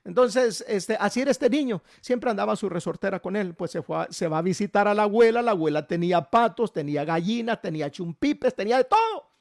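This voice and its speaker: A man's voice: high-pitched, animated, a little fast, creaky, hardly any pauses, dry recording, studio quality. A man preaching a sermon as pastor, telling folksy stories and asking "¿verdad?" again and again.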